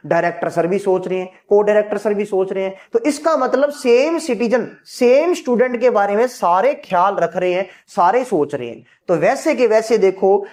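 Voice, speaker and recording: A man's voice: high voice, darkish tone. A man teaching a civics lesson, asking questions and answering them himself as students would, and often checking that the class has understood. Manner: asks and answers his own questions, quoting students as "sir". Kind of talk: exam-prep lesson.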